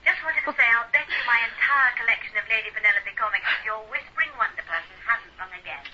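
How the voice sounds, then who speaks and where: A woman's voice: a little high, animated, sharp tone, husky, heavily acted. An actress playing a teasing, protective woman friend, heard over a telephone line in a radio drama. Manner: brisk, joking, then fiercely protective. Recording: dull phone-line sound.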